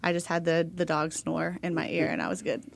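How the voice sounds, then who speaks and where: A young dog trainer from Houston, Texas, talks casually as a podcast guest in an interview chat. Her voice is low and fairly quick with vocal fry, and she rambles with lots of fillers and laughter.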